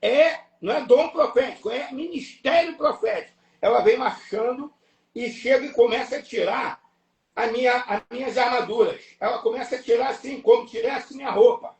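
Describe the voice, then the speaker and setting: A man with a Brazilian Portuguese accent preaching an impassioned sermon, emphatic and repetitive, breaking into shouts. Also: very high-pitched, moderate pace. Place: church or live stream hall. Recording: echoey room, voice from far off.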